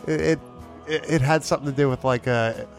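A man's voice: medium pitch, a little fast, gravelly, soft background music. A man with a nasal voice stuffed up by a cold, hosting a casual, slangy movie podcast. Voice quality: nasal, congested. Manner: informal, slangy, sweary. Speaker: podcast host.

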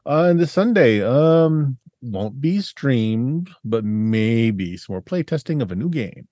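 A man plugging his stream schedule in a brisk, matter-of-fact way. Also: mid-range voice, expressive, dark tone, dry recording, studio quality. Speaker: player and streamer.

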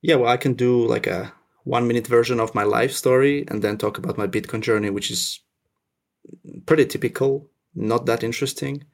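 A young man from Russia, raised in Finland, talking as a podcast guest in a relaxed, self-deprecating way with many restarts. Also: mid-range voice, a little fast, creaky. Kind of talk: casual interview chat.

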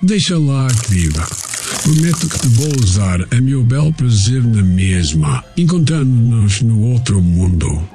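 A gloating mad aristocrat villain. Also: male voice, mid-range voice, sing-song, a little slow, mellow, soft background music. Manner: mocking, theatrical, sweetly menacing. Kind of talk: audio drama acting.

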